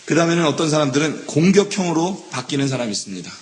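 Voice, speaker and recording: A man's voice: on the high side, animated, fast talker, a little hiss or hum. A man preaching a sermon as pastor, repeating key words, asking the congregation questions and acting out quoted excuses in shifting voices. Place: church sanctuary.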